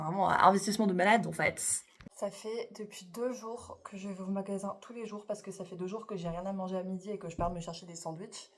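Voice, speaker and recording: A woman's voice: medium pitch, a little mellow, recorded from a distance. Chatty young woman vlogging, echoey room. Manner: chatty, rambling, many fillers, mixes in English. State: tearful after crying. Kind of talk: casual vlog chat.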